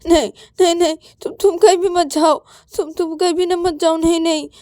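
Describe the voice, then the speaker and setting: A woman's voice: sits high, fairly even intonation, fairly quick, darkish tone, no room sound, clean studio sound, close to an everyday voice. Woman voicing a clingy stammering young woman. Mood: pleading. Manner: stammering, repeating words. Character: young woman, clingy, tearful, then scolding.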